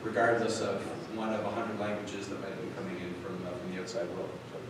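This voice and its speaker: Over a noisy crowd, a fast-talking man with a lowish, level voice runs a casual live tech demo. He rambles, using many fillers and restarting often, and the recording comes from far off in an echoey, noisy hall.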